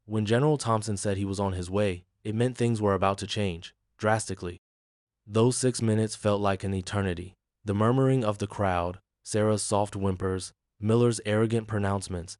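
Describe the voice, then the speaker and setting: A man reading a dramatic story as a narrator, in an even storytelling manner. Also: on the low side, dry recording, studio quality.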